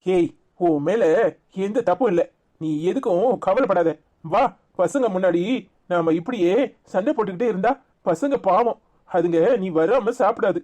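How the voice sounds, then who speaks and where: A calm husband and father in a cartoon serial, as a performer voices him, with a mid-pitched voice and a Tirunelveli Tamil accent. He speaks in a steady, reassuring way. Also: moderate pace, natural voice.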